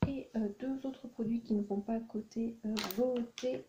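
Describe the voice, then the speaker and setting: A woman's voice: a little high, steady tone, measured pace, highs cut off, background noise. A woman chatting through a shopping haul for her channel, hesitant and thinking aloud with many ums. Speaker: YouTuber doing a shopping haul. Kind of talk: casual haul vlog. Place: at home at night.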